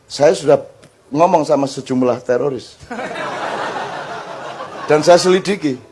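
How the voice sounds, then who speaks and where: An older man preaching to a gathering, animated and joking, acting out little dialogues. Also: fairly high pitch, measured pace, noisy background. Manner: animated, joking, mixes in Javanese phrases, acts out dialogues. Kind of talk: lively Islamic study talk before a crowd.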